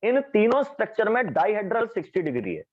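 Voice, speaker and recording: A male chemistry teacher lectures in a classroom with a voice that swings up and down and sits slightly high. He keeps asking his students questions as he explains. The recording is thin and phone-like. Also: quick pace. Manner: lively, questions students often.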